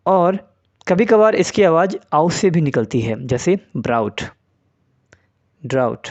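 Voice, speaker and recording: A man's voice: on the high side, big pitch swings, slow, darkish tone, muffled recording. A man teaching English pronunciation in Hindi, patiently spelling out letters and saying example words one by one. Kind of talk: spoken English lesson in Hindi.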